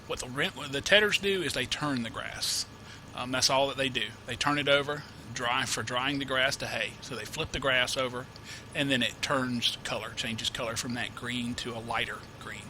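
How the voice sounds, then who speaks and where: Sniffling slightly from a cold, this gameplay tutorial host chats through a farming game in a medium pitch, keeping a moderate pace with few pauses. His sharp-toned, casual let's-play commentary wanders, full of fillers and self-corrections, over a faint hiss or hum.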